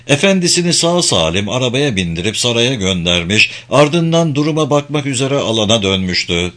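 Lively dramatic male audiobook narrator. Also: medium pitch. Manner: dramatic storytelling.

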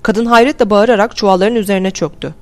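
A woman narrates a novel in a steady, measured voice. Her pitch sits in the middle range. She reads the story for an audiobook. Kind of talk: scripted narration.

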